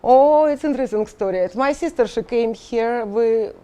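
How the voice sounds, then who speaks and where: Speaking with a Russian accent, this middle-aged engineering instructor from Russia has a warm voice that sits on the high side. She responds to interview questions haltingly, restarting often and leaning on many fillers.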